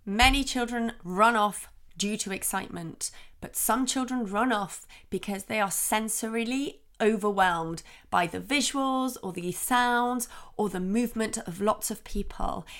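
Gravelly-voiced woman giving calm parenting advice. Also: medium pitch, measured pace, hardly any pauses. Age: adult, parent of a young daughter. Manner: calm, explanatory, acts out what she says to her child. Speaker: parenting podcast host, child development expert. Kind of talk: advice podcast monologue.

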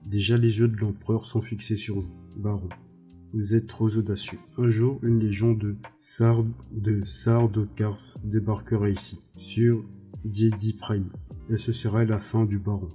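A man voicing a cold, calculating advisor with a sly, measured delivery. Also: on the low side, level tone, warm tone, muffled recording, soft background music, lightly acted.

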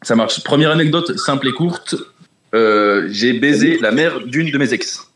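Un jeune homme qui lance des blagues provocantes et effrontées dans une discussion entre amis. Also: male voice, medium pitch, lively intonation, a little slow, fairly bright tone, roomy sound. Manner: provocative, cheeky jokes.

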